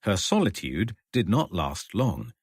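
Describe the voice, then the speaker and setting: A man narrates an audiobook in a measured, storytelling way. His voice is low and husky, with a lively rise and fall. The recording is close and dry. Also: dry recording. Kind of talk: scripted narration.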